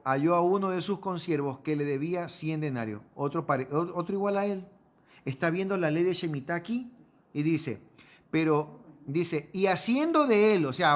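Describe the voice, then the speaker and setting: A man's voice: on the high side, a bit bright. A man giving a sermon. He reads scripture aloud, explains it, keeps calling listeners "brother" and asks rhetorical questions. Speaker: preacher teaching a Torah portion.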